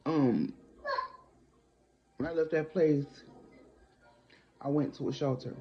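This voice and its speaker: A woman's voice: deep voice, takes it slowly. A middle-aged woman telling a personal story casually and bluntly, acting out what people said, in a dull lo-fi recording. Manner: animated, blunt, acts out quotes. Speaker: storyteller vlogger.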